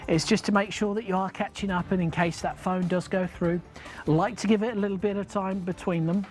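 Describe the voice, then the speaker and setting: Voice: medium pitch, steady tone, a little fast. A bingo caller hosting a live game show, chatting casually, repeating each number with its nickname and building suspense. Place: studio. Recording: music behind the voice.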